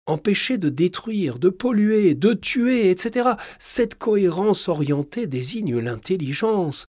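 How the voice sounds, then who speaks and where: A man reading aloud plays a passionate male scientist, pitched well above his own voice and pressing each point loudly. The voice is husky and dry, and it swings up and down as he argues. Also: sing-song, measured pace, no echo, full character voice. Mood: fervent. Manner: fervent, emphatic.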